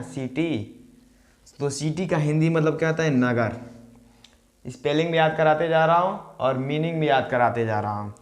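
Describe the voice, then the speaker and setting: A man teaching beginners a grammar lesson, drilling rules with repeated questions and playful asides. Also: on the high side. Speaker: English tutor.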